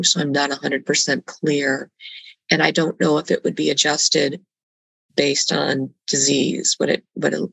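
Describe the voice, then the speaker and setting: A woman with a gravelly, husky voice, recorded dry and close. She talks earnestly and haltingly, restarting her sentences, in a reflective conversation over a video call. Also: low-pitched, a bit bright, dry recording, rough recording. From Colombia. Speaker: guest.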